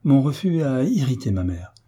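A man's voice: mid-range voice, big pitch swings, moderate pace, warm tone, slightly rough, pitched above the performer's own voice. A man voicing a young duke, earnest and somewhat hesitant.

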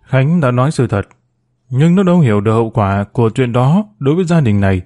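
Man narrating a storybook, steady. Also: mid-range voice, fast, dry recording, studio quality.

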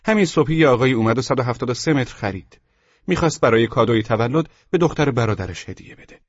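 A man voicing a courteous male junk-store salesman with pleasant, smooth sales patter, on a dull lo-fi recording. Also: mid-range voice, lively intonation, no echo, pitched above the performer's own voice.

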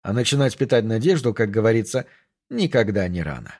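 Reading a thriller audiobook, this narrator delivers scripted narration in a steady, measured way with a lowish voice.

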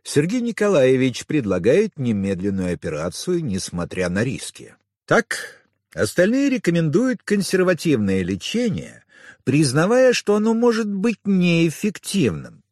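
A man's voice: fairly high pitch, huge pitch swings, a little slow, a little mellow, no room sound, studio quality, voice pushed up, heavily acted. An audiobook reader voicing a stern older male hospital chief, formal and authoritative. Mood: measured.

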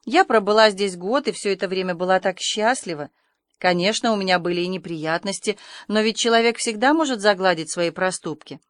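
A dreamy, dramatic orphan girl, as a woman reader voices her gushes on in long, excited runs of words. Her voice sits at an ordinary middle pitch. The sound is close and dry, with no room around it. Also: fairly quick, dry recording, close to an everyday voice. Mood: wistful. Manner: breathless, effusive storytelling.

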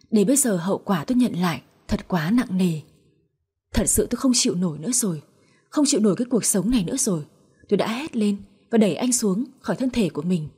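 A woman reading a first-person story aloud in a slow, emotional manner. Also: medium pitch, dark tone, slightly rough.

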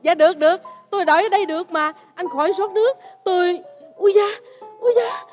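Naive, polite young patient with a very high voice. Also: female voice, fairly quick, darkish tone, soft background music. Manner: polite, innocent and easily impressed. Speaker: comic actor. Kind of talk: comedy sketch acting.

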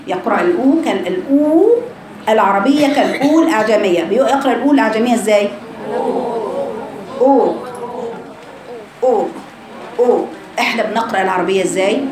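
A woman with an Egyptian accent teaching Quran recitation. She explains the rounded vowel, sounds it out to show it, and quizzes her students. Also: mid-range voice. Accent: Egyptian Arabic. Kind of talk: Egyptian Arabic lesson with spoken sound demonstrations. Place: recorded class session. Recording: echoey room with background noise.

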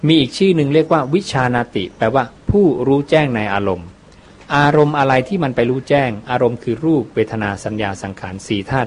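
A man, a monk, answering questions on meditation with patient, calm explanations. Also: mid-range voice, a little hiss or hum, poor audio. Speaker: monk teacher. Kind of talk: Dharma Q&A.

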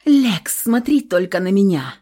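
Woman doing a soft breathy young woman, pleading, close and hushed. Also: mid-range voice, lively intonation, a little slow.

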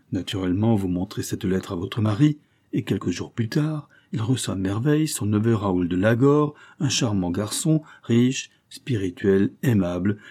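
A man's voice: mid-range voice, breathy edge. A man reading an audiobook, voicing a scheming, coldly polite marquis who sneers and presses his threats. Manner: sneering, insistent, rising to forceful outbursts.

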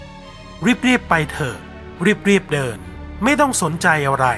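A man's voice: on the high side, wildly swooping pitch, takes it slowly, fairly bright tone, faint music behind, full character voice. A man voicing a ghost of a young man who urges a girl to hurry along with him. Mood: urgent.

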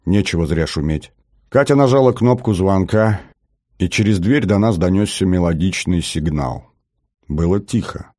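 Deep, dark-voiced male audiobook narrator. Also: no room sound, studio quality. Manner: steady, measured storytelling. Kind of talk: scripted first-person audiobook narration.

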